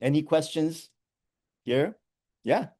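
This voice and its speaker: Animated man telling koans in a lecture. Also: a little high, slow pace. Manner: animated storytelling, chuckles often.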